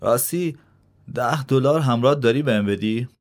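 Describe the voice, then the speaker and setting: A man voicing a cheerful, teasing elderly gardener with a raised, lively delivery in a spoken story. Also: mid-range voice, lightly acted. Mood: friendly.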